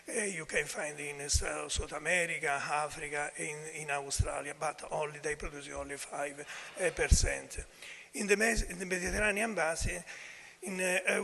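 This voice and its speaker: An older man with a weak, low-volume voice gives an academic presentation in halting English. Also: gravelly, sharp tone, a little hiss or hum. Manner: halting delivery in non-native English. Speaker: conference speaker, professor. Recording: hall reverb.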